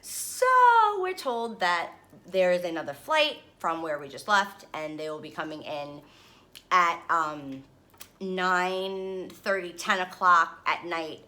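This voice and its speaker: A young woman from the New York area tells a travel mishap to her camera in a casual vlog. Her voice is bright and slightly low, and she sounds worn out. She turns dramatic and animated, laughing through the hard parts. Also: takes it slowly. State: tired. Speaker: vlogger. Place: hotel room.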